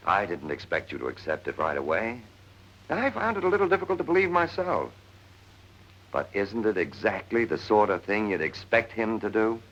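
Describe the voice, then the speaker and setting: Deep-voiced, husky, wry screwball comedy man. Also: sing-song, normal speed, fairly bright tone. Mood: exasperated, wry. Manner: wry, sardonic banter. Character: exasperated, wry man convinced his brother returned as a dog. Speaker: actor in a screwball comedy film. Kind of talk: 1940s screwball comedy film acting, bantering. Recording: muffled vintage film soundtrack.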